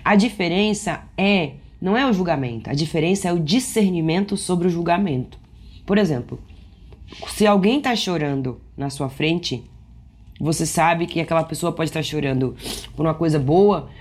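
A woman's voice: on the low side, a little hiss or hum. A woman giving an earnest, reflective talk to camera about feelings. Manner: earnest, reflective, unhurried with soft asides. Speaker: emotional wellness speaker.

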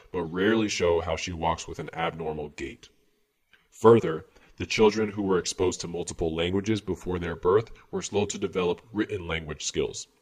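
A man's voice: low-pitched, slightly rough. A man voicing an anonymous male researcher turned secretive whistleblower, with his voice run through a distorting filter, in a scripted monologue.

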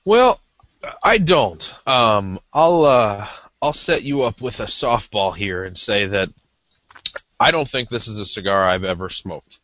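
Low-voiced man, hesitant and casual. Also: animated, a little slow, a bit bright, no room sound. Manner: hesitant, self-deprecating. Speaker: podcast co-host. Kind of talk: casual, discursive talk. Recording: slightly dull lo-fi audio.

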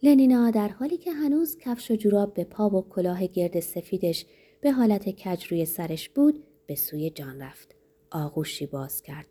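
Brief: woman audiobook narrator, mellow husky voice, dramatic read. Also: mid-range voice, lively intonation. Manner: dramatic, varied delivery.

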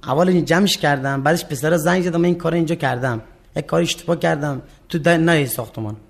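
A man in his twenties with an Afghan Persian accent, answering an interviewer's questions in short, plain, halting replies. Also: on the high side, vocal fry. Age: 20s. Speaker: murder suspect being interviewed.

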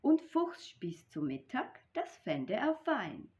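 A woman's voice: mid-range voice, huge pitch swings, slow, darkish tone. Woman reading as a clever little mouse. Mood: bold. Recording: dull lo-fi recording.

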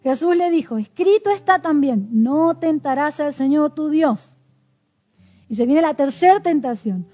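A woman's voice: high-pitched, lively intonation, unhurried, warm tone. A woman preaching a sermon in a conversational way, with rhetorical questions and light laughter.

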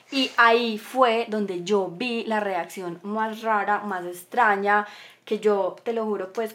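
Earnest young woman recounting. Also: medium pitch. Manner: earnest, shifts between animated and hushed. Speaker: podcast guest. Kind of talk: personal storytelling in conversation.

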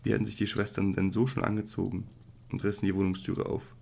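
A man narrating a literary audiobook in a measured, even way, with occasional slips. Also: on the low side, vocal fry.

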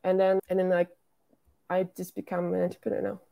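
A woman's voice: fairly low pitch, completely flat delivery, brisk, gravelly, mellow. A woman, a programmer and founder, talking casually as an interview guest, with lots of restarts and "like". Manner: chatty, frequent "like" and restarts.

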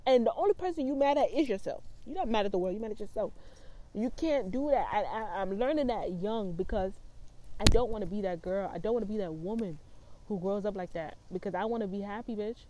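A young woman in her twenties telling her own story to the camera in a vlog. She talks bluntly and emphatically, cursing freely, with a mellow, warm tone at an ordinary pitch. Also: animated, fairly quick, a little hiss or hum. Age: 20s. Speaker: vlogger.

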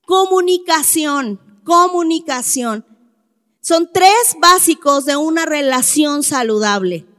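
A woman gives a talk to a live audience, her voice set high and her delivery slow and deliberate. She leans hard on key words and keeps turning to her listeners with rhetorical questions. A long echo from a hall follows every line. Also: expressive, fairly bright tone. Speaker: speaker addressing a church or group audience. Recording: echoey hall.

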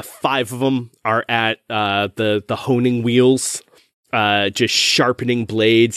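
A man's voice: fairly low pitch, a bit bright, smooth, no room sound, clean studio sound. A man narrating a tabletop game as game master, in a casual, rambling way with many restarts.

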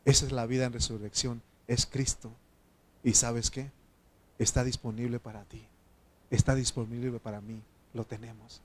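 A man preaching a sermon as pastor, fervently calling his listeners brother and putting questions to them. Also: medium pitch. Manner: asks the congregation questions.

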